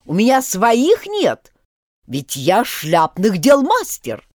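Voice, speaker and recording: A woman voicing a nervous male hatter on trial, stammering and pleading slowly. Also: a little high, huge pitch swings, a little mellow, dry recording, clean studio sound, pitched above the performer's own voice, heavily acted. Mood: fearful.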